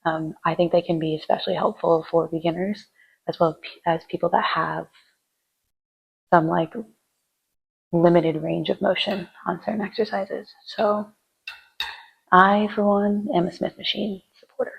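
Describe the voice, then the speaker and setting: Woman, gym vlog, husky voice, casual rambling tips, breathless between sets. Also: lowish voice, flat delivery, normal speed, pauses often, muffled recording. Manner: chatty, rambling, with fillers. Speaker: fitness vlogger.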